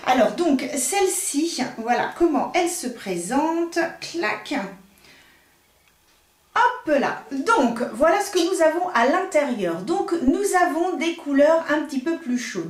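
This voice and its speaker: A woman presenting a casual makeup tutorial, chatty and hesitant, often pausing on fillers and correcting herself. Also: high-pitched, reverberant. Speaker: beauty vlogger.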